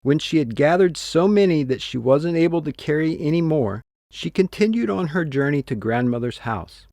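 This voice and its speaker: A man reading a textbook story slowly and expressively as the audio narrator, in a dry, close studio recording. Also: a little high, animated, darkish tone, no room sound. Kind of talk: scripted narration.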